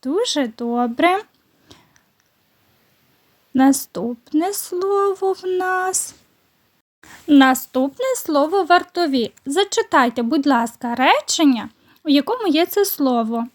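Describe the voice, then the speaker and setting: A woman primary school teacher giving a recorded lesson to young children, slowly and patiently explaining each word. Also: high voice, expressive.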